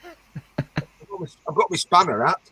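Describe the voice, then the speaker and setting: A man's voice: on the high side, lively intonation, unhurried, sharp tone, a little hiss or hum, low-quality recording. A man of sixty bantering with friends in a shed, joking and stumbling over repeated words. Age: 60s. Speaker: regular in a chat among friends. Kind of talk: casual banter.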